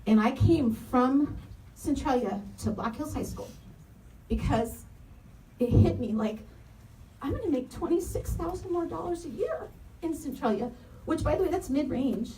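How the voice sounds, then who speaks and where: A woman in her thirties, pitched a little high, makes an earnest, impassioned public comment as a parent and educator at a community forum. She leans on repeated phrases for emphasis. The recording is roomy and echoey, picked up from a distance with a faint hiss of background noise. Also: animated, unhurried, pauses often, mellow. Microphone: handheld microphone, held from some distance.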